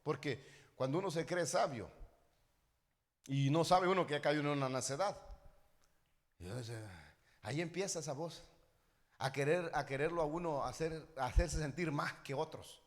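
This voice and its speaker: A man preaching a fiery church sermon, swinging from shouted, half-sung calls to low, quiet asides. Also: normal speed, pauses often. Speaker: pastor. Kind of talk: Pentecostal sermon. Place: church hall. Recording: echoey church hall.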